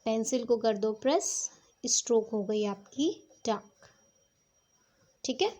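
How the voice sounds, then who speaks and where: Speaking slowly in a warm, somewhat high voice, a woman walks her class through shorthand strokes one step at a time. She is patient and keeps saying "ठीक है" to confirm the students understand.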